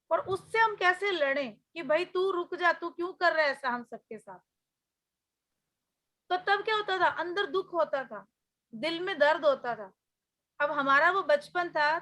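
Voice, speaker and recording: A woman teaching a spiritual healing class talks through memories and lessons in a relaxed, conversational way. Her voice sits high and sounds bright and clear. She tells stories earnestly, and her voice sometimes falls quiet. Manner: storytelling, earnest and conversational, often drops soft. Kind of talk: spoken healing class talk.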